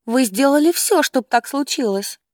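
A bitter, grieving mother, as a male narrator puts her on in a high raised voice speaks in an audiobook story. The dry, close recording has little room sound. She talks with hurt pride. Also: expressive, moderate pace, no room sound. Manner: bitter, pleading. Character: grieving proud mother, middle-aged woman.

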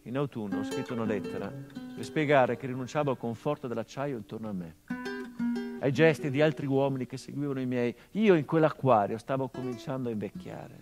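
For a radio drama, a stage actor plays a middle-aged son haunted by his father's murder, delivering an intimate, brooding monologue that swells into anguished outbursts. His mid-range voice moves a little fast and is lightly acted, with music underneath.

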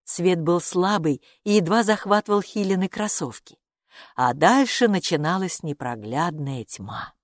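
A woman narrating a children's audiobook in an expressive, even-paced reading. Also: fairly low pitch, measured pace, no echo, studio quality. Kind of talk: storybook narration.

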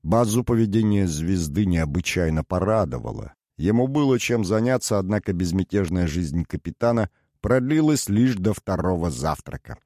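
A man narrates a novel in an even, measured storytelling voice. His tone is low, and the recording is close and dry, with no room sound. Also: no room sound. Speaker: audiobook narrator. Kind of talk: scripted audiobook narration.

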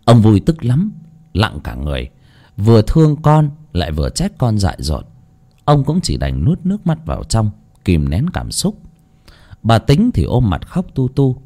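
A man narrating an audio story in an expressive storytelling manner. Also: lowish voice, normal speed.

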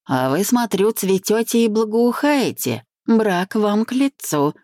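A woman's voice: medium pitch, very animated, measured pace, darkish tone, no room sound, studio quality, pitched above the performer's own voice. A woman reading an audiobook, voicing a slightly drunk young groom who drawls mocking remarks.

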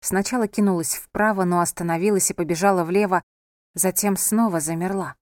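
A woman narrating a novel in a measured, even storytelling voice. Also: lowish voice, dry recording, studio quality. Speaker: audiobook narrator.

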